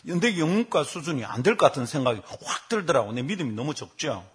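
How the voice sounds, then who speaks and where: A man's voice: on the high side, quick pace, breathy edge. A man, preaching a sermon as a pastor and telling stories with acted quotes. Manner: animated storytelling with acted quotes.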